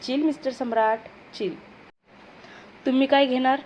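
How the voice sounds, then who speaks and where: A woman's voice: sits high, steady tone, normal speed, dull audio, slight background noise, lightly acted. Woman voicing a smug, mocking villainess. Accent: Marathi. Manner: mocking, drawling, coaxing.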